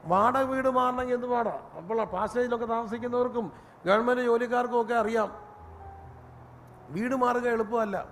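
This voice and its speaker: A man preaching a sermon as pastor, telling stories with animated delivery and rising to a shout. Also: very high voice, moderate pace. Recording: long reverb, faint room noise.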